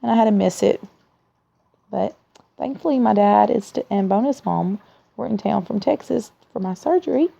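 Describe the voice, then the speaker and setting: A woman who sounds tired and weak after surgery, talking in a candid, rambling, low-energy way in a casual video diary, with a gravelly, creaky voice. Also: normal speed, warm tone. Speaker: vlogger sharing surgery recovery. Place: at home in a recliner. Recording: dull, lo-fi sound.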